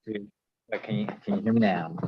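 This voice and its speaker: A man's voice: fairly even intonation, fairly quick, slightly rough. A man on a phone video call whose voice comes through distorted and robotic from a bad connection, chatting casually. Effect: distorted robotic, lowered voice from a bad call connection. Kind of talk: casual chat. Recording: muffled, lo-fi video call line.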